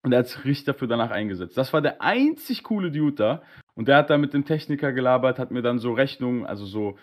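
A man with a voice in the middle of the male range tells a story on a casual live-streamed podcast. He talks in a slangy, animated way and plays out each side of a phone call. It sounds like laid-back chat between friends. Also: mid-range voice, fast talker. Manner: animated, slangy, acts out both sides of dialogues. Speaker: podcast host.

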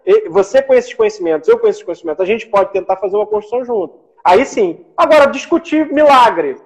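A man with a very high-pitched voice explains theology in a casual discussion. He lays out his arguments patiently and with a touch of irony. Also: expressive, quick pace, breathy edge, poor audio. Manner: explanatory, mildly ironic, says "querido". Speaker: podcast co-host, theology teacher.

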